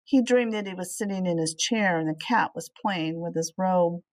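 A middle-aged woman whose voice sits on the low side reads a children's story aloud with expression. Her phrasing is measured and deliberate, like a teacher's.

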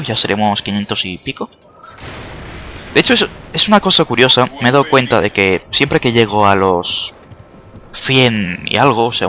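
A young man from Spain with a Spanish accent, chatty and sarcastic as he comments on his own gameplay, yelping at the game now and then. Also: on the low side. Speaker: gaming YouTuber. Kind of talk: let's-play commentary. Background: faint game gunfire.

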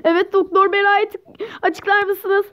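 High whiny vain mom voiced by a woman, slow and fussy, kinda muffled lo-fi sound. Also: level tone. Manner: whiny, dramatic complaining. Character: vain fussy young mother.

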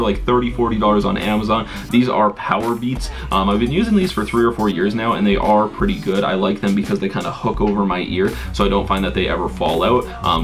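A young man who coaches fitness, chatting to camera in a room at home as he shows items from his gym bag, upbeat and using his hands as he talks. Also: lowish voice. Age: young adult. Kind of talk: casual gear walkthrough to camera. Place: bedroom with couch, indoors.

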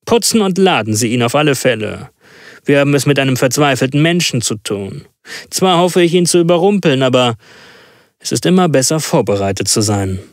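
A man's voice: mid-range voice, lively intonation, brisk, dry recording, clean studio sound, close to an everyday voice. A man playing a cool, commanding detective. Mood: instructing. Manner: cool, instructive, precise. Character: calm, commanding male detective.

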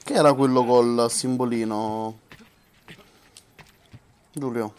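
A man's voice: medium pitch, steady tone, slow, a little mellow, smooth. A man giving casual, colloquial gameplay commentary with some mild swearing. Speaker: gamer.

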